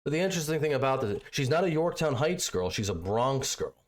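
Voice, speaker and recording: A man's voice: mid-range voice, sing-song, brisk, a little hiss or hum. A man co-hosting a casual political chat show, giving his opinions and thinking aloud as he talks. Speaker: podcast co-host.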